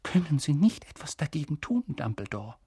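A man voicing a stern older female professor in a sharp, scolding tone, raised well above his own pitch. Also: big pitch swings, moderate pace, slightly rough, dry recording, studio quality, heavily acted.

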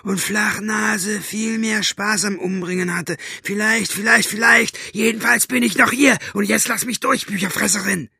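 A brutal henchman sneers and taunts in a high, gloating voice, put on by a man reading an audiobook. The tone is gravelly and husky, recorded dry and close. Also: steady tone, moderate pace, hardly any pauses, pushed and bright, dry recording, exaggerated voice. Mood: gloating menace.

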